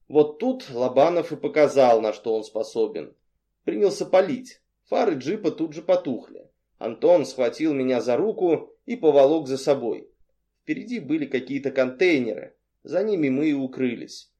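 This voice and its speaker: A man reading an audiobook as a narrator in a dramatic, lively storytelling manner. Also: medium pitch. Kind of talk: scripted narration.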